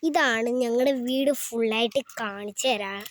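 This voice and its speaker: A young woman, a vlogger and parent, films a walking vlog on a handheld phone outdoors by the road near her house, where it's windy. Her voice is on the high side and moderately paced, and she chats casually, calling viewers "guys" and urging them to subscribe.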